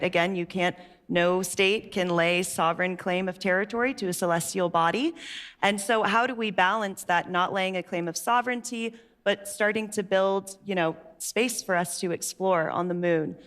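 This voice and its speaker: A woman's voice: lowish voice, fairly bright tone. A young woman speaking as a panelist on a conference stage into a headset mic, articulate and enthusiastic. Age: young adult. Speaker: panelist, research intern. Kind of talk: panel discussion.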